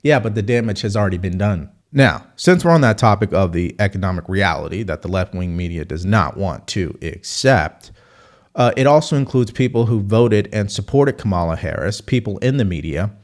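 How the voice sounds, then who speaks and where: Low-voiced man giving combative political commentary. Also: animated, normal speed. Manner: emphatic, combative, scornful. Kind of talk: casual opinion commentary over news clips.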